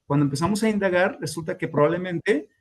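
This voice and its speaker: A man's voice: high voice, fast. A man lecturing on grief as a therapist, explaining steps and acting out clients' voices in quotes. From Mexico. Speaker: grief therapist teaching a class.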